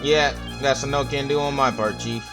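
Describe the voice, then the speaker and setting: A man's voice: mid-range voice, fairly even intonation, normal speed. A man giving casual, joking gameplay commentary and teasing himself as he plays. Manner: joking, playful, self-mocking. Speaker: let's-play gamer. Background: faint game music.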